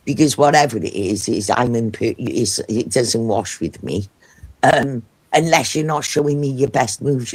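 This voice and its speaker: Welsh man, Cardiff accent, husky, animated casual talker. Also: medium pitch. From Wales. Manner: animated, swears freely. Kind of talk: casual chat.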